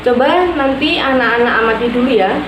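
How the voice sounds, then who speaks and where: A woman teacher leading children through cheerful classroom clapping chants and drawn-out call-and-response lines. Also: on the high side. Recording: echoey room with steady background noise.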